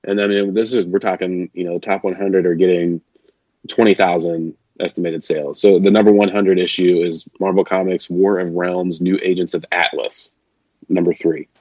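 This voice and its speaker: Low-voiced man with a metallic robotic tinge. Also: flat delivery, moderate pace, a little mellow, no room sound. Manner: easygoing, chatty, many fillers and restarts. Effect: slightly robotic, metallic-sounding voice. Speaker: podcast host. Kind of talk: casual chat. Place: away from home at a conference. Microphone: makeshift travel setup. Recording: dull, dry lo-fi sound.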